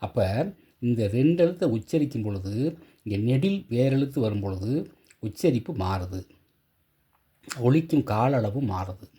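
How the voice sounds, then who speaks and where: A man teaching a grammar lesson, repeating example words slowly for pronunciation practice. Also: mid-range voice, lively intonation, mellow, slightly rough.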